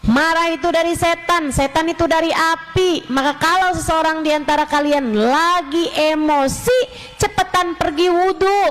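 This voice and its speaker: A woman's voice: extremely high pitch, moderate pace, rough recording. A woman giving a religious lecture as a preacher, animatedly acting out the complaints of her listeners. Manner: animated, acts out congregants' complaints.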